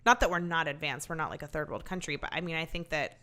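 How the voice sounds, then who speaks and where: A woman's voice: low voice, fast talker, pushed and bright. A woman who is a guest on a casual podcast, speaking bluntly and frankly and laughing easily. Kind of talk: casual chat.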